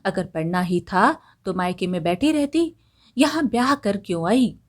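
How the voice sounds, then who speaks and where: A stern middle-aged mother-in-law who nags and commands without pause, voiced by a woman reading a story aloud. Her scolding comes at a slow, deliberate pace, harsh and domineering throughout. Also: mid-range voice, close to an everyday voice. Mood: angry scolding. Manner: harsh, nagging, bossy.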